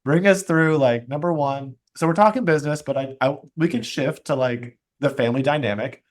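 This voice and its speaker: A man's voice: medium pitch, a little fast. A man hosting a podcast interview, talking casually and upbeat with many "like" and "um" fillers. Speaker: podcast host.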